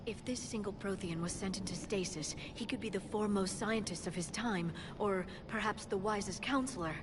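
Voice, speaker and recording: A woman's voice: mid-range voice, normal speed, noisy background, natural voice. Woman voicing an earnest female alien scientist. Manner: thoughtful, careful, hopeful.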